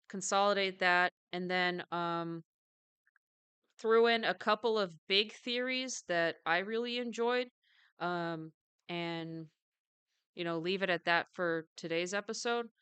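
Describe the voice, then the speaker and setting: A woman's voice: on the low side, pushed and bright, clean tone, no echo. A woman co-hosting a podcast, chatting casually with many fillers and restarts. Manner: chatty, lots of fillers and self-corrections; self-described jumpy. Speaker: podcast co-host.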